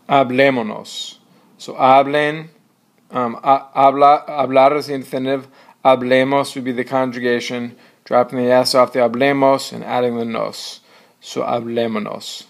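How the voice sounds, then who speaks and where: A man teaching a recorded Spanish grammar lesson, explaining step by step and slowing down on the example words. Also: medium pitch, gravelly. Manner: explains step by step, says "so" and "right" a lot, slows down on example words.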